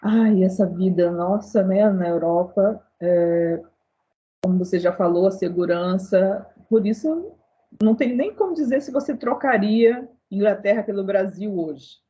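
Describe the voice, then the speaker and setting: A woman's voice: medium pitch, unhurried, mellow, muffled recording. Chatty woman interview host. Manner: chatty, long rambling questions. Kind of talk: casual video interview.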